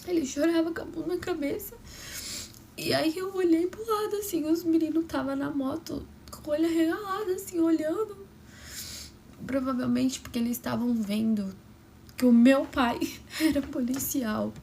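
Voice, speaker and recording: A young woman telling a personal story in a soft, often whispered and emotional way. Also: sits high, moderate pace, a little hiss or hum.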